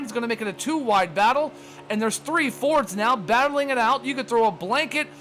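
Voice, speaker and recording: A man giving fast, excited play-by-play commentary on a sim race, sounding breathless from calling the action. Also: very high-pitched.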